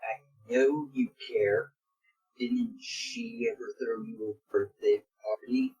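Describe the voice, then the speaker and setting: A reader puts on a sly female bat from fan fiction. The delivery is coy and teasing, husky and unhurried. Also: mid-range voice, sing-song, darkish tone, lo-fi sound, soft background music, heavily acted.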